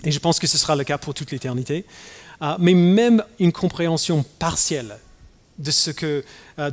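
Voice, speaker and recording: Halting, high-pitched male preacher in a hall. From United States. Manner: halting, many fillers and restarts. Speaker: pastor. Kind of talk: sermon. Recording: long hall reverb.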